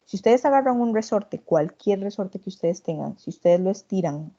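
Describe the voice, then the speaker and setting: A woman teaching an online anatomy lesson, explaining step by step and demonstrating, with filler words and quick self-corrections. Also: mid-range voice, expressive, dark tone, muffled recording.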